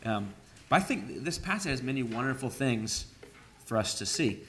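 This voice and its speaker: Man preaching with halting fillers. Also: mid-range voice, sing-song, fairly bright tone, a little hiss or hum. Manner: hesitant, many fillers. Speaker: pastor. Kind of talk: sermon.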